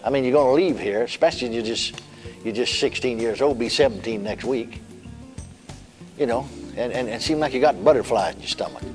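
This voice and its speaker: A man's voice: mid-range voice, fairly quick, faint music behind. A man preaching a folksy, rambling sermon as a personal story, with colloquial asides. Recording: archive sermon in a reverberant hall.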